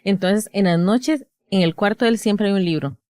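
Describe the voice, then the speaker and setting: Costa Rican woman, 30s, speech therapist on a podcast, animated, acts out quotes, dry close sound. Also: medium pitch, moderate pace, dry recording. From Costa Rica. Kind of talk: casual podcast conversation.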